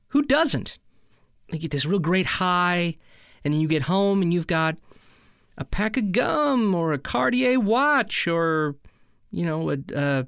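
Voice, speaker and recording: Deadpan man in mock-meditation voice. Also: fairly high pitch, no room sound. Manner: deadpan, soothing parody, breaks into banter. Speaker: comedy podcast co-host.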